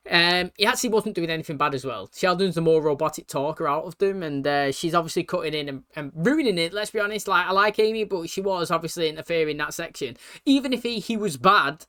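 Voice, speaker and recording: A man's voice: on the high side, fast, hardly any pauses, sharp tone, dry recording, clean studio sound. A man giving casual, chatty episode commentary as a reaction video host, in colloquial language. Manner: chatty, colloquial, checks in with "you know what I mean".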